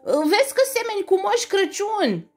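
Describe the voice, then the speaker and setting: Woman doing a croaking, know-it-all crow. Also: very high-pitched, big pitch swings, faint music behind, pitched above the performer's own voice. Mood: teasing. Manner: croaking, knowing and lecturing. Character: knowing, teasing crow perched on a branch.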